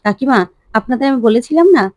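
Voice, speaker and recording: A woman voicing a cheerful, flattering young man in her own plain voice. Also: on the high side, fast talker, dry recording, close to an everyday voice. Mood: friendly.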